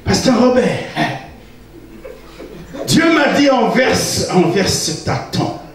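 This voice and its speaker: A pushy man in his forties who calls himself a prophet and keeps pressing his claim, slow and lower-pitched, as a preacher acts him out. He sounds far from the mic in a big, echoing church hall. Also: expressive, full character voice. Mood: insistent. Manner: insistent, claiming divine messages. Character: pushy self-styled male prophet caller, 42.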